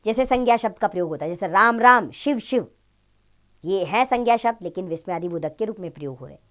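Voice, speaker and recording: A woman's voice: medium pitch, fast talker. A woman teacher explaining a grammar chapter to schoolchildren, acting out each example word. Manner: expressive, acts out example exclamations. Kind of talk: Hindi grammar lesson for children.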